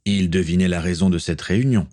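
A man reading a story aloud as narrator in an even, steady manner. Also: deep voice, fairly quick. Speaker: audiobook narrator. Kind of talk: scripted narration.

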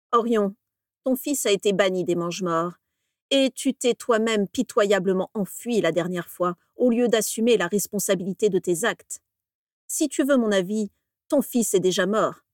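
A woman's voice: medium pitch, no echo, studio quality, close to an everyday voice. A woman voicing a cold, scheming old wizard patriarch in an audiobook reading, icy and contemptuous. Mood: cold scorn.

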